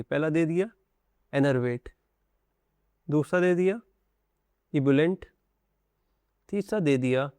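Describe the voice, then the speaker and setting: A man's voice: medium pitch, a little mellow, dry recording, clean studio sound. A young man from India with an Indian accent, teaching an exam-prep lesson and explaining in a direct way to his students. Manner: mixes English terms into Hindi, addresses students directly.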